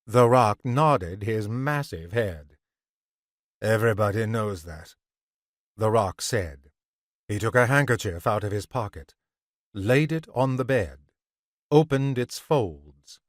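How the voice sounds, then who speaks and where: A man reads a crime short story aloud in a measured, unhurried way. His pace is slow and deliberate. The recording is dry and close. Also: mid-range voice, animated, no echo. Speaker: podcast reader of short stories.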